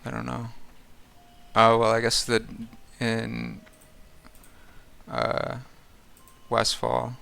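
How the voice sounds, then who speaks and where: A man's voice: mid-range voice, completely flat delivery, extremely slow, vocal fry, pauses often, sharp tone, clear, resonant tone. A man streaming a game live, rambling casually and thinking aloud with lots of fillers. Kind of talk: casual live-stream commentary while playing.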